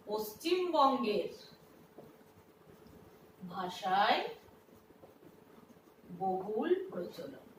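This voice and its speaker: This woman teacher, whose voice is medium in pitch and slightly bright, walks through a lesson step by step and answers her own questions. The recording is distant, echoey, and carries faint noise.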